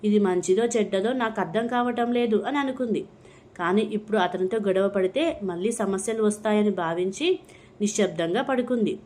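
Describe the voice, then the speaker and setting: A woman narrating a storybook in a steady, even reading voice, giving the dialogue only light expression. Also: medium pitch, normal speed.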